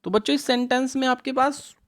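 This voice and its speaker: A woman's voice: sits high, steady tone. Patient woman teaching English to children. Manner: patient, questions the class and answers herself; reads English sentences out slowly. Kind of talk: revision lesson for schoolchildren.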